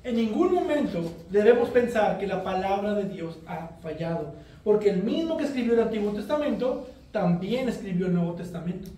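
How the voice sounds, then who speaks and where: Male pastor, high mellow voice, earnest measured sermon, recorded from afar in a very echoey hall. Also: animated, far from the mic. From Mexico. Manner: expository preaching, measured and earnest.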